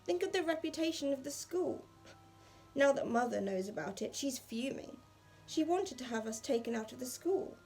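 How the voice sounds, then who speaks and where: Woman reading a smug schoolboy, sneering, taunting, slightly gravelly, soft music under. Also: high-pitched, expressive, normal speed, heavily acted. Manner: taunting, superior.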